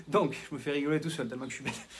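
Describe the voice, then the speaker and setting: A man's voice: fairly high pitch, quick pace, a little hiss or hum. A man with a southwestern French accent, a health coach talking to camera in a rambling, self-mocking, digressive way. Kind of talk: casual talking-head monologue.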